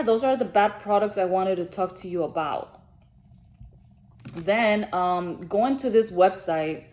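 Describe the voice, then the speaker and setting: A woman's voice: medium pitch, mellow. A woman vlogging about beauty products in casual chat to camera, rambling with lots of fillers and restarts. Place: travelling, on vacation. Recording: echoey room.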